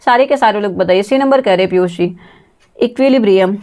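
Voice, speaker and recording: A woman's voice: mid-range voice, a little fast, a little mellow. A woman teaching a live online exam-prep English lesson, calling on students by name, spelling words letter by letter and laughing often. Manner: reads chat names, asks class for answers, laughs often.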